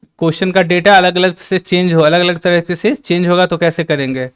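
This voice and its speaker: A man teaches a maths lesson over a live stream, explaining each step and chatting with his viewers as they type. His voice sits a little high for a man and comes through smooth and clear. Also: steady tone, brisk, a bit bright. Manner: chatty teacher, reads out and teases chat.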